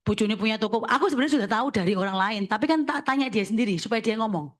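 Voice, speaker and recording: A woman, an insurance agency leader briskly coaching listeners and checking in with them as she talks. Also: fairly high pitch, expressive. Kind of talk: sharing tips at a talk session.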